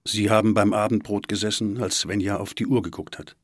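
A man reading a story aloud in an expressive audiobook style. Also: on the low side, fairly quick, no room sound, studio quality. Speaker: narrator.

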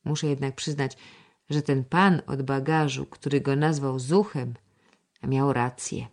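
Woman audiobook narrator, deep low voice, measured storytelling pace. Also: fairly even intonation, a little mellow. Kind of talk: scripted narration of a children's novel.

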